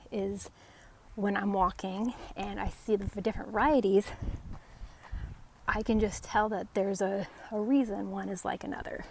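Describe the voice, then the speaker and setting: Her mid-range voice is gravelly and a little mellow as she walks a residential street, hosting a tree identification vlog. She talks to camera casually in brief, halting bits, and faint outdoor noise lingers.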